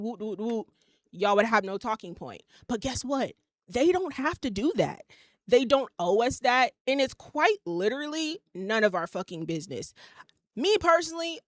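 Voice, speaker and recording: Clean studio sound with no echo carries a slightly high, somewhat bright voice. It's a twentysomething woman hosting a podcast, ranting bluntly and emphatically with lots of profanity as she riffs on her opinions.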